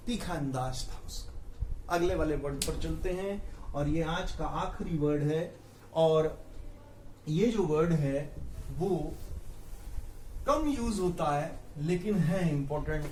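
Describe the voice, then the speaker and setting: High-voiced teacher in echoey room. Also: male voice, a little mellow, a little hiss or hum. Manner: explains patiently, repeats key words, mixes English terms into Hindi. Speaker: vocabulary teacher. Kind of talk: Hindi vocabulary lesson with memory tricks.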